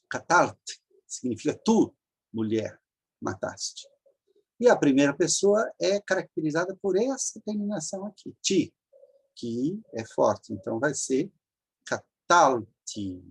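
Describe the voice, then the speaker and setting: A man's voice: a little high, sing-song, a little slow, vocal fry, long pauses, slightly rough. A man teaching an online grammar lesson, patiently explaining step by step, repeating forms and checking in with the listener.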